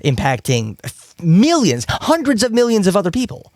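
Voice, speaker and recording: A man's voice: high voice, wildly swooping pitch, normal speed, a little mellow, dry recording, studio quality. A man from Kentucky arguing his side in a live debate, with emphatic, pushy delivery. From Kentucky, USA. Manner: emphatic, argumentative. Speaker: debate guest.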